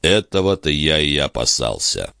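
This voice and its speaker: Audiobook: man voicing a deep, commanding count, measured, dry close mic. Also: big pitch swings, creaky, pushed and bright, smooth, no echo, exaggerated voice. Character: commanding older count, cold and controlled. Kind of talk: audiobook reading.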